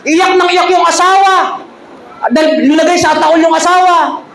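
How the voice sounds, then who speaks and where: High-voiced woman preaching in an echoey hall. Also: steady tone, normal speed. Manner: humorous preaching with jokes and laughter; addresses the congregation directly. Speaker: pastor. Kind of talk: sermon. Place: church hall. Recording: echoey hall with faint ambience.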